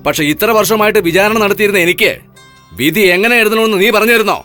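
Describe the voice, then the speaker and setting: A man dubbing a stern middle-aged magistrate father in a film, gruff and scolding. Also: sits high, fast talker, bright, forceful tone, no echo, soft background music. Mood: lecturing.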